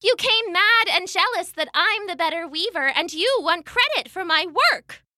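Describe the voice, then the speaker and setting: A woman's voice: extremely high pitch, big pitch swings, a little slow, sharp tone, no room sound, clean studio sound, voice pushed up, heavily acted. A woman voicing a proud, defiant young female weaver who talks back boldly and scornfully. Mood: angry.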